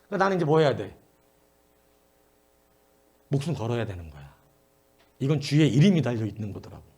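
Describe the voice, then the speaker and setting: Delivering a prayer-meeting sermon a little fast, this middle-aged pastor tells animated stories. His delivery alternates between forceful outbursts and quiet asides.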